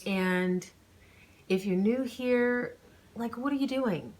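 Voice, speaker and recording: A woman with a fairly high, darkish voice speaks slowly. She's an author who hosts her own channel, opening with a chatty vlog-style intro before narrating her own novel as an audiobook in an informal, storytelling manner.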